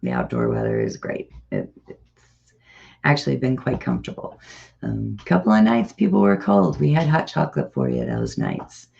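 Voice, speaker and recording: Gravelly American host with a smoker's rasp. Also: medium pitch, huge pitch swings, normal speed, darkish tone. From Ohio, United States. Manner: rambling, informal, upbeat encouragement. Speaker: host of a local community events show. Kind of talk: casual community announcements monologue. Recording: dull, muffled lo-fi sound.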